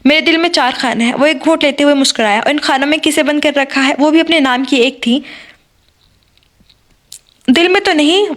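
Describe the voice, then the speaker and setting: A woman's voice: high-pitched, brisk, long pauses, a bit bright. A woman reading a romance novel aloud, narrating and voicing every character herself, with small slips and restarts. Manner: reads all characters herself, occasional stumbles and restarts. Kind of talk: scripted novel narration with dialogue voices.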